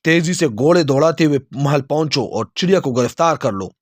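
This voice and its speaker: A greedy, hot-tempered king, his voice pushed up high and loud as he barks orders at his soldiers, as a male storyteller puts him on. The recording is dry and close, with no room sound. It is a spoken storybook tale. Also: lively intonation, dry recording, natural voice. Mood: commanding. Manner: shouting commands, haughty.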